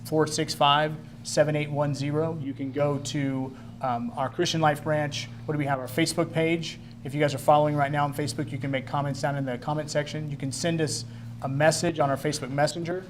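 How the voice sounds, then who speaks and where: A man's voice: fairly high pitch, flat delivery, a little fast, slight background noise. A man hosting a live ministry talk show in a chatty, easygoing way, joking with his crew. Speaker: host.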